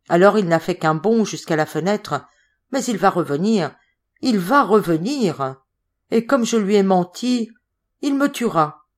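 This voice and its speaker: A woman's voice: medium pitch, natural voice. A woman voicing a delirious, wounded young woman who pleads frantically, in an audiobook reading.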